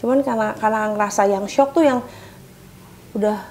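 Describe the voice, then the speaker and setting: A young woman recounting a painful personal experience, telling it animatedly, acting out others' lines in loud high bursts and dropping to whispers. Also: a little fast, slight background noise. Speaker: guest recounting her experience. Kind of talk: emotional personal account.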